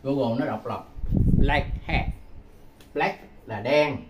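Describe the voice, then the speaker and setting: Man, casual language teacher, mid-pitched, very slow and repetitive, patient with frequent chuckles. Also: background noise. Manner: repeats phrases slowly and patiently, chuckling often. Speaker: English teacher. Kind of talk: casual spoken language lesson.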